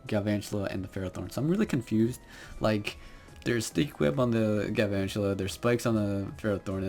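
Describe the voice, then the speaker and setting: A young man commentating his own Pokemon battle quietly, with lots of fillers and restarts. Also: on the low side. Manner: quiet, hesitant, many fillers. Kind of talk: game commentary.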